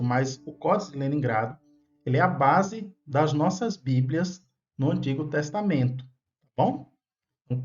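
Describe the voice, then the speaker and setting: A man's voice: on the high side, darkish tone. A man giving an explanatory lesson on Bible languages, patient and often checking in with listeners. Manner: patient, checks in with tag questions. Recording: dull lo-fi sound. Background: faint background music.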